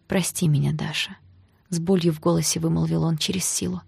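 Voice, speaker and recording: A woman reading an audiobook and voicing a guilty young man who speaks quietly and haltingly, her voice husky. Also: low voice, little pitch movement, no room sound, studio quality, full character voice.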